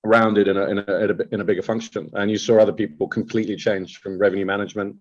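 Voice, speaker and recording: A man's voice: lowish voice, fairly even intonation, fast. A man speaking casually as a guest answering questions in an interview. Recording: slightly dull, lo-fi sound.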